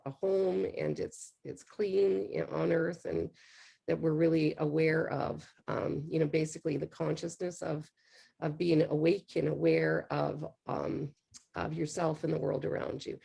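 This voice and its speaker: An older woman from Canada hosts a casual video-call interview, her low voice heavily gravelly and husky. She talks in loose, searching phrases, pausing often on fillers. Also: low-quality recording. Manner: warm, hesitant, many fillers. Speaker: interview host.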